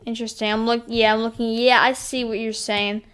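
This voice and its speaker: A woman's voice: on the high side, little pitch movement, brisk, a bit bright, clean tone. A woman hosting a live storm stream, giving weather commentary in a hesitant, self-correcting way. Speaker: host of storm livestream.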